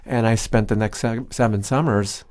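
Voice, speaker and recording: A middle-aged man talking informally as an interview guest, telling stories in a halting, reflective, conversational way. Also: lowish voice, fairly even intonation, a little mellow. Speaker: interview guest, cellist and music teacher. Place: radio studio.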